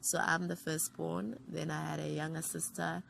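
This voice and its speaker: A Zambian woman in her thirties, a writer and producer, is an interview guest with a low, gravelly voice edged with vocal fry. Relaxed and reflective, she strings together long lists of names as she remembers, keeping an unhurried, conversational delivery over slight background noise.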